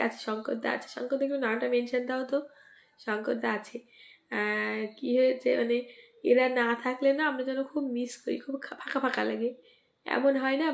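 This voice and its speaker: Female live-stream host, croaky from a cold, slightly high pitch. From West Bengal, India. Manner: greets and thanks commenters by name, asks for mentions. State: sore throat and cold, coughing. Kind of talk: casual live-stream chat with viewers.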